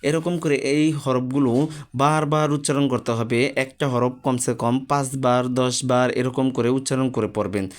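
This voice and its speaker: Young guy teaching letter sounds, patient, steady drill, mid pitch. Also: unhurried. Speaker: Quran reading teacher. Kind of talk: recorded lesson, reciting letters for viewers to repeat.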